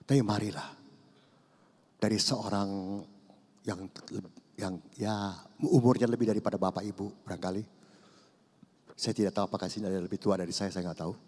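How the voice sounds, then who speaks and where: A man over fifty, preaching a conversational sermon and swinging between loud emphasis and hushed asides. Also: on the low side, steady tone, moderate pace, long pauses. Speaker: pastor. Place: large church hall. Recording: long church hall reverb.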